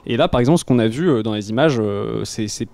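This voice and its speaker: A man with a French accent from France, giving a casual, halting film review as a columnist. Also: fairly low pitch, creaky, a little mellow, dry recording. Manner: hesitant, halting explanation.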